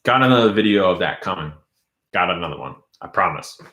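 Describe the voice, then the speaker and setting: A YouTube host, a young man, chats loosely on a live stream in a deep voice with lively intonation, a little fast, pushed and bright, in an echoey room. He rambles, reads viewer comments aloud and says his voice is going as he loses it.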